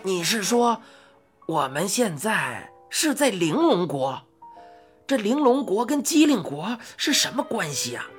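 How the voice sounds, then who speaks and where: A woman voicing an odd old man in a storybook, who talks slowly and musingly, as if lecturing. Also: mid-range voice, very animated, slightly rough, soft background music. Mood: puzzled.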